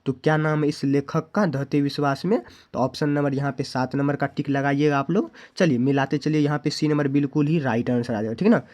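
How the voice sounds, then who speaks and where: A man's voice: fairly high pitch, fairly even intonation, fairly quick, hardly any pauses, a little mellow. Man teaching exam answers. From India. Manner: repetitive, keeps asking students to remember. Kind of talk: exam question walkthrough.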